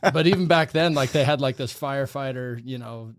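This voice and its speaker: Firefighter guy from utah, laid back, says uh a lot, mid pitch, dry mic. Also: a little fast, dry recording. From Utah, USA. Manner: relaxed and easygoing, with many fillers. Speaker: firefighter guest. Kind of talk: casual podcast interview.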